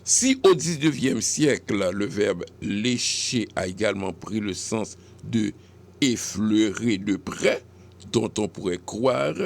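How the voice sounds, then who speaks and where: A man with a Haitian accent hosting a radio segment on French usage, explaining expressions in a didactic way and pausing with hesitations. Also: on the low side. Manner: didactic, correcting word by word, with hesitations. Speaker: radio host.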